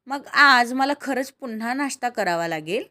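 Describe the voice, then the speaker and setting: A woman's voice: fairly high pitch, lively intonation, normal speed, bright, forceful tone. Woman voicing a polite, determined young woman. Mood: earnest.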